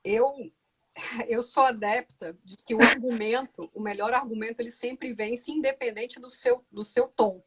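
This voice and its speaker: A woman who is a law professor and lawyer, answering interview questions in a measured, reflective way and often ending phrases with "né?". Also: on the high side, noisy background.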